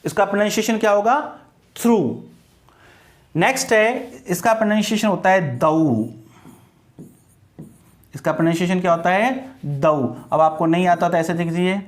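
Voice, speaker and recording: Guy teaching grammar, spells words out slowly, repeats answers. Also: sits high. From India. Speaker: English teacher. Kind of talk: exam-prep grammar lesson.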